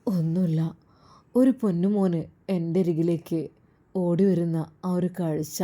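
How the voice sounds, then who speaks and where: A woman voicing a gentle, sorrowful male religious teacher in a lowered, soft voice. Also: steady tone, unhurried.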